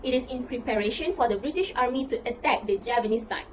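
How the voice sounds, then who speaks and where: Young Malaysian woman, student narrator, high register, scripted delivery. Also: fast, slight background noise, poor audio. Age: young adult. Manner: steady, reading from a script. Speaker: student presenter. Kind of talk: read-aloud school presentation.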